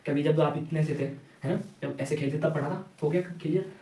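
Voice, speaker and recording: A man's voice: on the high side, fairly even intonation, a little fast, dark tone, roomy sound, far from the mic, low-quality recording. A man teaching a math lesson, who keeps asking the class questions and answering them himself. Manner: rhetorical questions answered himself, repeats "ठीक है".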